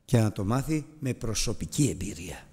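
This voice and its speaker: A man's voice: fairly low pitch, lively intonation, dark tone, breathy edge. A man teaching a preaching Bible lesson, firing rhetorical questions at his listeners with self-mocking asides.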